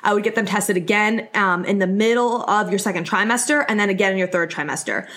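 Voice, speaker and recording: A woman's voice: medium pitch, fast talker, fairly bright tone. Chatty young woman giving casual podcast advice. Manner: chatty, informal, explanatory. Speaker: podcast host.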